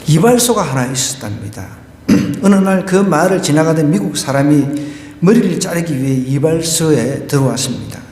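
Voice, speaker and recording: Man, pastor, high voice, conversational sermon, rhetorical questions, long church reverb. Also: darkish tone. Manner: conversational preaching with rhetorical questions and a told joke. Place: church sanctuary. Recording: echoey church hall.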